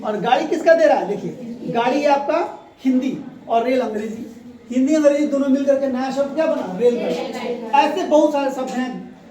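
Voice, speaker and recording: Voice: sits high, brisk, crowd noise. Teacher doing grammar revision, quizzes the students a lot, sounds far from the mic in an echoey classroom. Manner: quizzes the class and repeats key answers.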